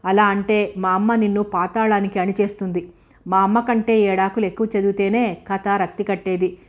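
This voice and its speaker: A woman's voice: mid-range voice, fairly even intonation, normal speed, natural voice. A woman reading the lines of a playful young man who persuades a girl to join his scheme, in an audiobook. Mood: teasing. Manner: teasing, persuasive.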